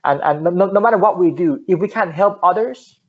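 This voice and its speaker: Through narrow, tinny audio comes a high male voice, a little fast: a young man from Finland whose native language is Finnish. He's an entrepreneur guesting on a casual interview, speaking earnestly with lots of repeated words and restarts.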